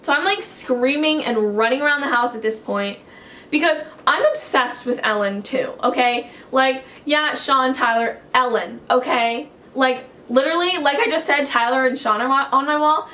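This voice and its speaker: Woman vlogger, higher-pitched voice, excitable and chatty, talking to camera at home. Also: moderate pace. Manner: excitable and chatty, heavy use of "like". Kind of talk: casual storytelling to camera.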